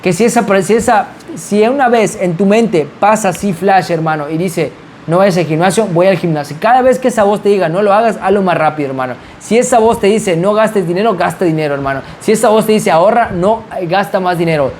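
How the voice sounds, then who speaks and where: A man's voice: sits high, lively intonation, brisk, darkish tone, a little hiss or hum. A man giving an insistent, repetitive motivational monologue. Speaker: motivational speaker.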